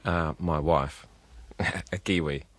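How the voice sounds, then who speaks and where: A man with a very low voice, guesting as a design lecturer on a radio show. He speaks in halting bursts, padded with uh and um. The sound is dry and close. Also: steady tone, a bit bright, dry recording. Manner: hesitant, many uh and um fillers, uneven pace. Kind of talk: radio interview answers. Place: radio studio.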